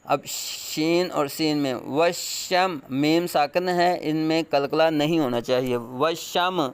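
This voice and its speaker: A man with a Pakistani Urdu accent teaches Quran recitation in a very smooth, resonant voice that sits a little high. He drills letters and words slowly and with emphasis, then drops into quick, lower explanations of each rule. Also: no echo. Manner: spells letters slowly and loudly, then explains in a rapid low voice.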